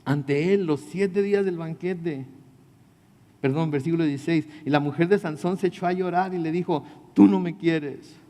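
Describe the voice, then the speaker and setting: A man's voice: a little high, moderate pace, mellow. A male pastor giving a midweek Bible study, talking conversationally, putting questions to his listeners and adding joking asides. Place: church meeting room. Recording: long reverb of a hall.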